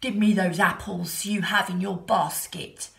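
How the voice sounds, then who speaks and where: A woman voicing a greedy kangaroo that makes loud, blunt demands. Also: on the low side, steady tone, unhurried, vocal fry, reverberant. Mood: bossy.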